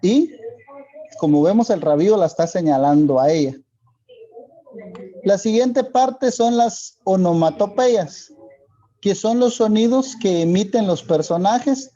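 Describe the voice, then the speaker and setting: A male teacher with a Guatemalan Spanish accent, explaining a lesson slowly and checking in with rhetorical questions. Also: high-pitched, warm tone, lo-fi sound. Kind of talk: classroom lesson for video.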